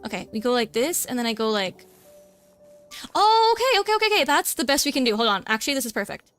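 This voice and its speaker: Female VTuber, high and bright, casual flustered chatter with a cutesy verbal tic. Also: very animated, fast, soft background music. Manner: flustered, chatty, keeps adding a cutesy "nya". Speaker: VTuber streamer. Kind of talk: casual gameplay streaming chat.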